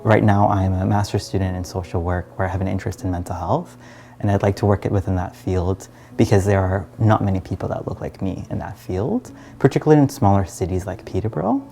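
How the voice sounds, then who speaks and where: In a documentary-style interview, a young man from Trinidad and Guyana earnestly reflects on his own story. He talks fast in a low, gravelly, warm voice.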